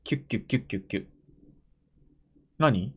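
A man's voice: mid-range voice, animated, fairly quick, breathy edge. A young man from Japan giving casual reaction commentary while watching, muttering to himself with frequent exclamations, recorded at home on a desk mic. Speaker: anime reaction streamer. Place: room at home, seated in a gaming chair.

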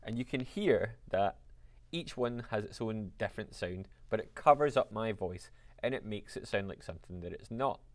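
A male music teacher giving an upbeat software tutorial. His pitch moves in a lively, animated way as he explains each step. He addresses his viewers directly and keeps things chatty. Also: normal speed.

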